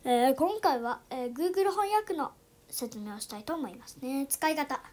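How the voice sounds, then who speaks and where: A woman hosting her own channel, giving a casual app tutorial with lots of fillers and quiet asides. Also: high voice, expressive, normal speed. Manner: chatty, many fillers, drops into soft asides. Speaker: YouTube channel host.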